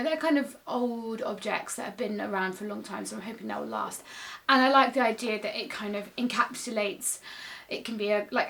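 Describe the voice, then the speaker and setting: A woman's voice: fairly high pitch, gravelly, pushed and bright. A woman, chatting casually to camera from her home desk and laughing often. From England. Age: 20s. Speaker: vlogger.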